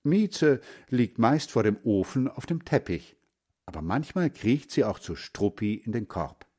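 A man reading a children's storybook aloud in a slow, expressive way. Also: medium pitch, slightly rough. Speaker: narrator.

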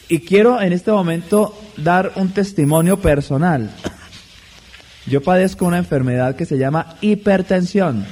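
A man preaching a sermon in a measured, deliberate way, stressing key words. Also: on the high side, warm tone.

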